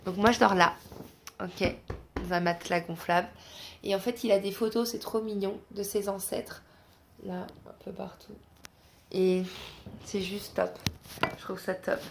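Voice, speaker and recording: A young woman from France chats straight to her phone camera, loose and encouraging, full of fillers and restarts. Her voice sits at a middling pitch, recorded in a guest room. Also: steady tone, a little slow, vocal fry, pauses often, slight background noise. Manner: chatty, frequent fillers, encouraging. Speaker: travel vlogger. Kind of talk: casual vlog talk to camera. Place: guest room of a host's home, indoors.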